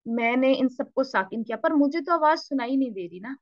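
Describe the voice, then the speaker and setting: A woman's voice: high voice, lively intonation, no room sound, dull audio. Patient woman teaching recitation sounds. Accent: Pakistani Urdu. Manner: patient, repeats and demonstrates letter sounds slowly. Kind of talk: online lesson explaining tajweed.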